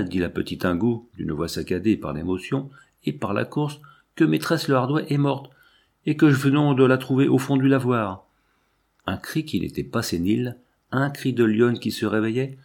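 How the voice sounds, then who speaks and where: Husky-voiced man reading a novel. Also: fairly low pitch, darkish tone. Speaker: audiobook narrator. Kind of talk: literary audiobook narration.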